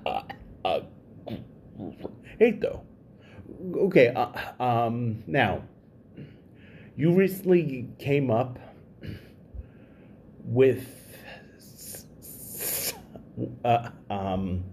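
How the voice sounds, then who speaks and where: A man's voice: medium pitch, very animated, extremely slow, long pauses, a little mellow, a little hiss or hum. A man hosting a podcast interview, speaking with a heavy stutter, repeated sounds and many fillers. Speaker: podcast host. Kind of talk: conversational interview.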